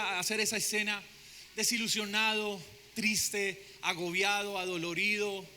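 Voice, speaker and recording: A man's voice: high-pitched, bright, forceful tone, in a large hall, slight background noise. A man preaching a sermon dramatically, asking the congregation questions, in a church sanctuary.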